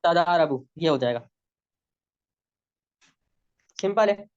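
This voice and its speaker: A man's voice: fairly high pitch, expressive, moderate pace, dry recording, lo-fi sound. A man from Pakistan with an Urdu accent, teaching an online class and patiently repeating rules while checking that students follow. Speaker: Arabic grammar teacher. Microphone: video call.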